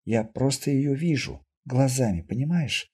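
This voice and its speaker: A man voicing a calm, earnest young mutant woman in an audiobook, speaking softly and evenly. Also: medium pitch, a little slow, slightly rough.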